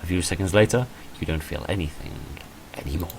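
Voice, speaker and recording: Narrating his visual novel playthrough, a deep-voiced man reads the text fast, like a dramatic story, tossing in dry, offhand remarks. Background noise behind his voice is audible and noticeable.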